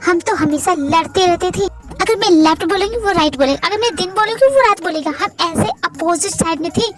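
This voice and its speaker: A woman's voice: very high voice, brisk. A woman doing a sassy, bubbly young wife. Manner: sassy, chatty.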